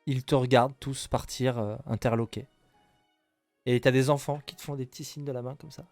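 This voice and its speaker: A man narrating a tabletop role-playing game as game master, improvising dramatically with suspenseful pauses. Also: mid-range voice, fairly even intonation, darkish tone, no room sound, faint music behind.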